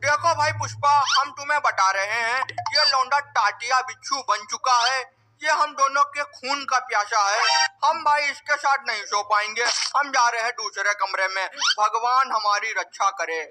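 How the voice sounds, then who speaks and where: A man's voice: extremely high pitch, moderate pace, music in the background. A man voicing a cowardly, panicky father in a comedy cartoon, with a melodramatic wailing manner. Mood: fearful. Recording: cartoon dub with clear background noise.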